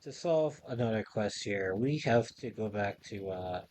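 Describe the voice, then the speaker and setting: A man's voice: fairly low pitch, expressive, unhurried, a little mellow, a little hiss or hum. A tired man hosting a let's play, reading the game's text aloud with hesitations. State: tired, yawning. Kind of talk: reading game text aloud while playing. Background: game music.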